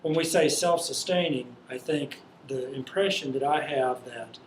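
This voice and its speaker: A man speaking as an interviewed farmer, explaining his work in a halting, unscripted way. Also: medium pitch. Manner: halting, hesitant delivery. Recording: echoey room with faint noise.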